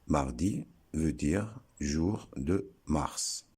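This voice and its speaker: A man giving a slow, deliberate lesson, breaking words into syllables and pausing often. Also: rumbling low, expressive, a little mellow, breathy edge. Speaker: teacher explaining word origins.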